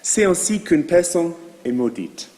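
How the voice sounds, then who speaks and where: A man with a non-native accent in French, a rabbi giving a sermon to his congregation in a slow, measured way with asides to the listeners. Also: a little high, big pitch swings, dark tone, big-room sound. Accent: foreign accent in French. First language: not French. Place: synagogue.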